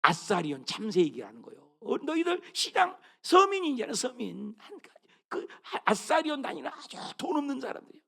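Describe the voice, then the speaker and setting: A middle-aged male pastor preaching a sermon, swinging from loud calls to hushed murmurs and often asking his congregation questions. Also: very high-pitched, wildly swooping pitch, a little fast, gravelly.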